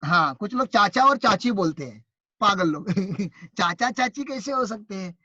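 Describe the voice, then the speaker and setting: A man with an Indian accent teaching an online class, lively and teasing as he quizzes his students. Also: high voice, normal speed, dry recording, muffled recording.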